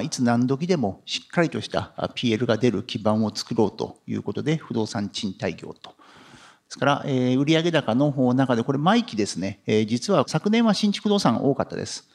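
Very polite male presenter with creaky voice. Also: medium pitch, darkish tone. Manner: very polite, formal business Japanese; halting, drawn-out filler vowels between phrases. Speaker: company president presenting. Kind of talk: formal investor seminar presentation.

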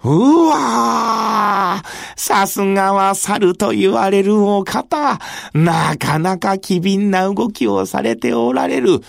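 A woman's voice: mid-range voice, animated, slow, creaky, no room sound, clean studio sound. A woman storyteller voicing a young village lad who dreams of becoming a samurai, speaking in old-fashioned, wondering phrases. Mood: awed, hopeful. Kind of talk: traditional kodan storytelling.

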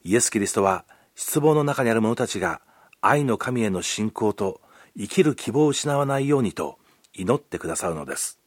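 A man preaching a radio sermon, earnest and measured as he retells a scripture story. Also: on the low side, animated, no room sound, studio quality. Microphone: studio microphone.

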